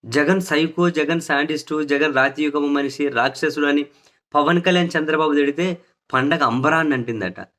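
A man's voice: fairly high pitch, moderate pace, fairly bright tone. A man delivering opinionated political commentary, sarcastic and indignant, hammering points home by repeating phrases.

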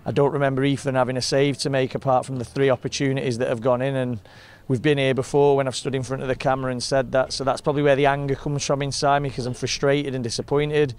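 A man, a football manager giving a measured, frustrated post-match interview outdoors. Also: mid-range voice, level tone, a little mellow, clear, resonant tone. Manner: measured, frustrated, plain-spoken. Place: outdoors in front of a sponsor board.

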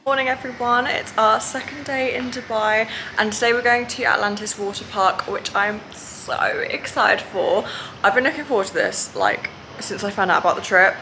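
A woman's voice: on the high side, normal speed, sharp tone, slight background noise. A young woman in her twenties telling holiday stories in a chatty, giggly way for her travel vlog. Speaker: vlogger. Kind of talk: casual travel vlog chat.

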